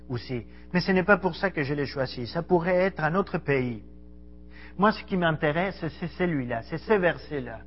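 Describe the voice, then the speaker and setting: Speaking straight to his congregation in a church hall, a missionary preacher from Argentina delivers a sincere sermon in a conversational tone. He's middle-aged, a native Spanish speaker, with a slightly high voice captured on dull audio.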